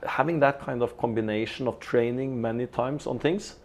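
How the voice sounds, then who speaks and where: Here a fiftysomething retail executive with a Norwegian accent talks at a moderate pace in a mid-range voice, with a little hiss or hum in the background. Recorded in a company studio at an office, he gives business interview answers as a guest, hesitantly restarting and repeating words mid-sentence.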